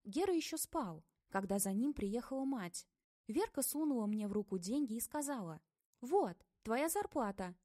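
A woman narrating a first-person audiobook, reading with expressive, emotional delivery and voicing the heroine's dialogue. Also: fairly high pitch, moderate pace, dry recording, clean studio sound.

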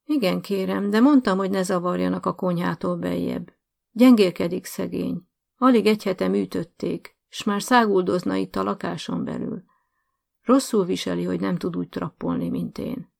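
A woman's voice: on the low side, gravelly, darkish tone. A woman reading an audiobook, voicing an elderly man who answers politely and pleads in a flustered way. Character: bewildered old man, polite and meek.

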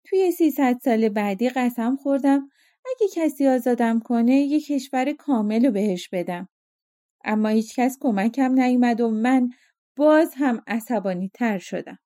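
A woman's voice: a little high, animated, warm tone, close to an everyday voice. A woman voicing a vengeful ancient genie. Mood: bitter, menacing. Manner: menacing, bitter, boastful. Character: vengeful ancient male genie freed from a bottle.

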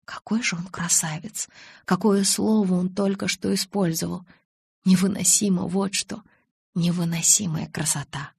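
A woman's voice: fairly low pitch, steady tone, moderate pace, creaky, darkish tone, breathy edge, no echo. A woman narrating a first-person romance audiobook in an intimate storytelling manner. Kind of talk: scripted narration.

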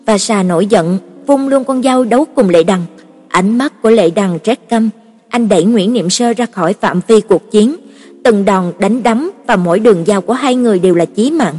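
A woman narrating a novel in a steady, even storytelling voice. Her voice is husky. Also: medium pitch, moderate pace. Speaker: audiobook narrator. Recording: reverberant, with soft background music.

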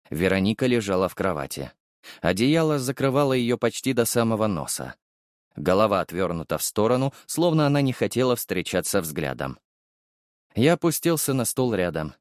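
A man narrating a first-person audiobook with expressive, wry storytelling. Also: medium pitch, no echo, studio quality.

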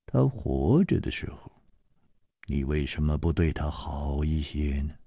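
A male storyteller voicing a calm, worldly swordsman hero who speaks low, hushed and measured. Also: creaky, slightly rough, no room sound, clean studio sound, exaggerated voice. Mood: calm, wry. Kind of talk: storytelling with character voices.

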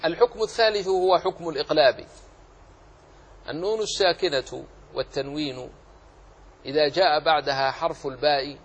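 A man's voice: on the high side, breathy edge, poor audio. A man teaching a lesson on Quran recitation rules, explaining patiently and repeating key phrases. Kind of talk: Islamic lesson on tajweed rules.

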